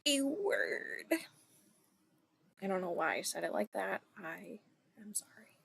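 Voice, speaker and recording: A woman streaming a co-working session, thinking aloud in casual self-deprecating chat with soft muttered asides. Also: lowish voice, fairly even intonation, normal speed, gravelly, slightly rough, dry recording.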